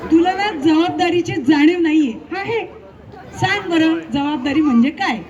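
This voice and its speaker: High-voiced woman scolding her puppet. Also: moderate pace, a little mellow. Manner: scolding, teacherly questioning. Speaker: ventriloquist performer. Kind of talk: live stage comedy. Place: live event with audience. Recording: lo-fi live recording, noisy crowd.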